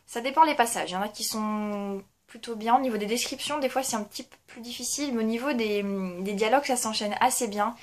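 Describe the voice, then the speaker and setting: Young woman book blogger, high voice, self-mocking, casual chat. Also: quick pace. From France. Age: young adult. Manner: chatty, self-mocking, laughs often. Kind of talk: casual monthly reading review.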